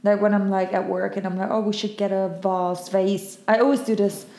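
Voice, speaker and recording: A woman arguing with her husband in casual banter, exasperated and quick to swear. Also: medium pitch, flat delivery, dark tone. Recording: echoey room with faint ambience.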